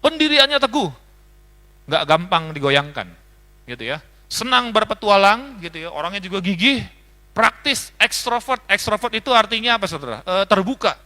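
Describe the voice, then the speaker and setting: Male pastor, seminar teacher, high bright voice, lively, addresses the audience. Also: moderate pace. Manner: lively, lists traits, often asks the audience.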